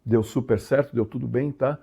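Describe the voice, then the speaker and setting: A man's voice: mid-range voice, fairly even intonation, normal speed, creaky, warm tone, breathy edge. A man from Brazil hosting his own channel, explaining a story in a casual monologue with frequent tag questions and emphatic swings. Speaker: channel host.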